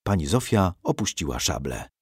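A man giving an expressive, dramatic scripted narration of a historical story. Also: sits low, normal speed, husky, no room sound, clean studio sound.

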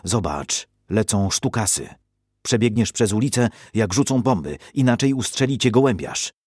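A man's voice: lowish voice, expressive, normal speed, a little mellow, husky, dry recording, studio quality. A man voicing a brusque male resistance fighter giving curt commands. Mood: commanding.

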